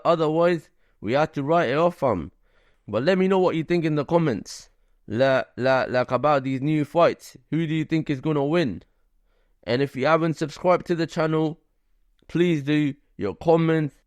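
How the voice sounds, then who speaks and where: A man giving casual commentary for his vlog in a loose, slangy style, filling his talk with "like" and "you know". His voice sits at an everyday middle pitch. The recording is dry and close, with almost no room sound. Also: smooth, no echo. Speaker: combat sports commentator, channel host.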